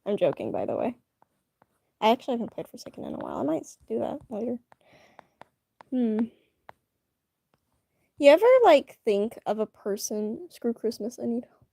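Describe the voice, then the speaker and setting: Young female streamer, rambling and chatty, animated pitch, soft mellow tone. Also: moderate pace, gravelly, long pauses, no echo. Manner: rambling, chatty, full of fillers and restarts. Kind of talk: casual live-stream chat.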